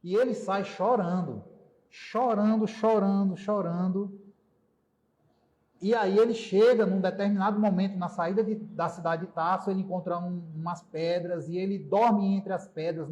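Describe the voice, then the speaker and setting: A man delivers a storytelling lecture in a fairly high voice. He retells each scene with repetition and emphasis. The sound carries a strong echo from the lecture hall. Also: fairly even intonation, moderate pace, a little mellow. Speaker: lecturer at a spiritist center. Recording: echoey hall.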